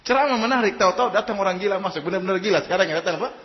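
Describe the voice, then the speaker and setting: A man's voice: high-pitched, very fast, highs cut off. Man preaching in a reverberant hall. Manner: storytelling with rhetorical questions; acts out dialogue voices. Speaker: Islamic preacher. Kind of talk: sermon.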